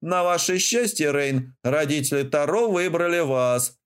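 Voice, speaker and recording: A man's voice: fairly high pitch, animated, measured pace, clear, resonant tone. A man voicing a pompous older male rear admiral who lectures his subordinates in an audiobook. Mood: lecturing. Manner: lecturing, self-important.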